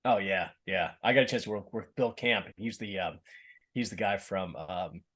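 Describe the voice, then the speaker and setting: This middle-aged actor from Boston, with a slight Boston accent, chats casually as a podcast guest. His low-sitting voice is a bit bright with a breathy edge and moves at a moderate pace. He rambles, restarting sentences often and using many fillers.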